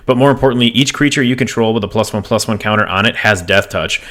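A man with a low, bright voice talks through deck ideas at an easy pace. He is relaxed and loose, full of fillers and restarts, sounding like a podcast co-host among friends. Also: fast. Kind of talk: casual chat about card game decks.

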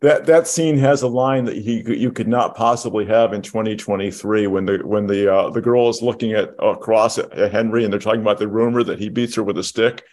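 A man's voice: lowish voice, steady tone, brisk, hardly any pauses, darkish tone. A man co-hosting a film podcast, talking through a movie in an explanatory, thoughtful way, with frequent restarts. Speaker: podcast co-host. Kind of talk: casual film discussion.

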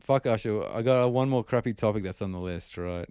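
A man's voice: lowish voice, fairly quick, mellow, smooth, no room sound, clean studio sound. A man co-hosting a podcast, talking in a laid-back, joking way with plenty of swearing. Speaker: podcast co-host. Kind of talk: casual chat.

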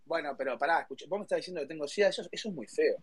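Husky sarcastic Rioplatense man. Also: a little high, rapid-fire. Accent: Rioplatense Spanish. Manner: mock-offended, sarcastic. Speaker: host of a live audio space. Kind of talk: heated casual chat.

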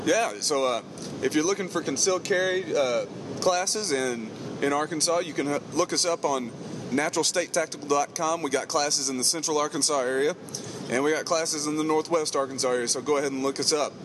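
A man's voice: on the high side, a little fast. A man chatting casually as a podcast host in a truck cab, with a jokey, colloquial way of talking. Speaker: podcast host, firearms instructor. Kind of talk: casual chat. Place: inside a moving truck cab. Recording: clear road and vehicle noise.

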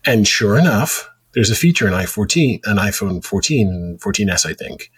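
A man's voice: lowish voice, expressive, normal speed, slightly rough. A male podcast host telling rambling anecdotes in casual chat.

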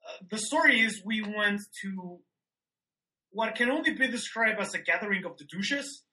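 A man's voice: high-pitched, animated, normal speed, pushed and bright, low-quality recording. A man co-hosting a podcast in casual chat, telling loose rambling stories, recorded over a remote call. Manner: rambling, loose, many "like" fillers, laid-back storytelling. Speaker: podcast co-host. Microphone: remote call microphone.

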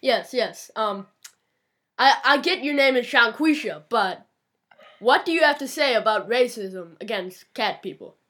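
A woman playing a reporter and interviewee in a mock news sketch, playful and a little halting. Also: a little high, expressive, a bit bright.

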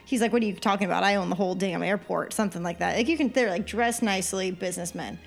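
A woman's voice: mid-range voice, fast talker, vocal fry, soft background music. A woman co-hosting a podcast, telling a story in casual chat and acting out the people in it. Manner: animated storyteller who acts out quoted people. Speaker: podcast co-host.

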